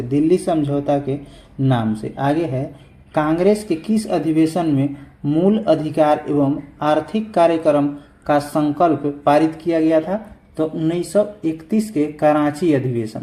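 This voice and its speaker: A man's voice: on the high side, warm tone, echoey room. A man giving an exam revision lesson, reading each question aloud and saying every answer twice. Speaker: teacher.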